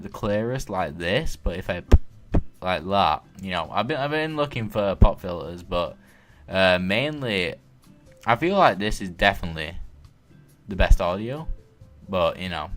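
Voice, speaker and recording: A man with a tendency toward monotone, casually commentating a cooking game and counting orders aloud under his breath. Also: deep voice, moderate pace. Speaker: let's play host. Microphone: desk microphone at full volume. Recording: game music loud under voice. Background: game music.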